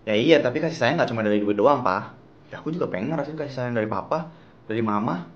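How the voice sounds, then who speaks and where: A man's voice: medium pitch, quick pace, highs cut off, noisy background, close to an everyday voice. A man playing a neglected teenage son who pleads with his parents for love, wounded and bitter. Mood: hurt. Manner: wounded, pleading, turns accusing.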